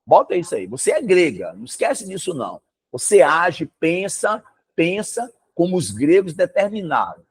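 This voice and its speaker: A man with a Brazilian Portuguese accent gives a casual one-on-one lesson over a video call. His voice sits a little high and swings widely in pitch as he exclaims and fires off rhetorical questions, with a husky edge. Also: normal speed. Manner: emphatic and animated, exclaims and asks rhetorical questions. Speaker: teacher.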